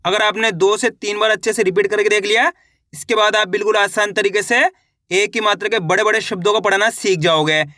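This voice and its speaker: A man's voice: sits high, steady tone, brisk, sharp tone, no echo, studio quality. A man teaching a reading lesson, sounding out each word one syllable at a time and then blending it, in a patient and encouraging way.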